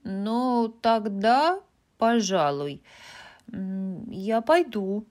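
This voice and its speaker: A woman's voice: medium pitch, expressive, extremely slow, a little mellow, voice pushed up. Woman doing a sulky young girl. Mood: reluctant. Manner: reluctant, whiny.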